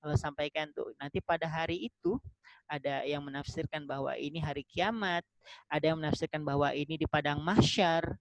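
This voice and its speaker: A man giving a casual Islamic study talk over a video call, acting out small dialogues and dropping to a soft, drawn-out voice for prayers. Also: fairly high pitch, no room sound. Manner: lively, acts out little dialogues in other voices. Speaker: ustadz giving an online religious talk. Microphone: computer or phone mic on a video call. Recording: dull, slightly lo-fi dry sound.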